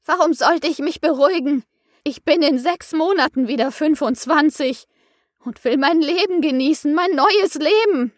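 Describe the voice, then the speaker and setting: A woman's voice: sits high, lively intonation, a little slow, dry recording, clean studio sound, pitched above the performer's own voice. A woman reading an audiobook voices an angry man who talks sharply and indignantly. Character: angry middle-aged man, newly rejuvenated, indignant.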